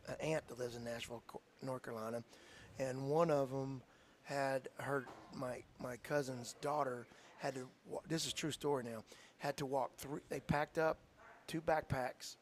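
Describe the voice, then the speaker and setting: Earnest coach, faint ambience. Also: male voice, medium pitch, steady tone, normal speed, a little hiss or hum. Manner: earnest, heartfelt storyteller. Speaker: high school football coach. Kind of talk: radio interview talk.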